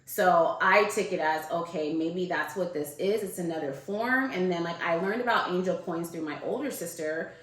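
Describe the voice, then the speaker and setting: A woman with a lowish voice tells a personal story as a guest in relaxed, chatty fashion. She acts out the people she quotes by jumping up into a higher voice. The room sounds echoey. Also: moderate pace, few pauses. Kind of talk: casual storytelling.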